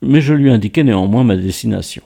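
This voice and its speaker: A man reading a first-person novel aloud as narrator in a measured, literary way. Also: mid-range voice, expressive, creaky, warm tone.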